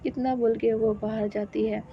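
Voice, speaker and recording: A woman's voice: fairly high pitch, flat delivery, moderate pace. A woman storyteller narrating a romance in a casual, conversational way, on a dull lo-fi recording with faint hiss. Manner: conversational, loose.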